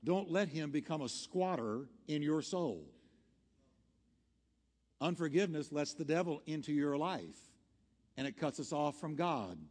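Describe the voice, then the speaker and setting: With a slightly high, somewhat mellow voice, a preacher works through a sermon and altar call at a measured pace, pausing often and speaking expressively. His tone is earnest and exhorting, built on short, emphatic, repeated phrases. Music plays behind him in a long, reverberant hall.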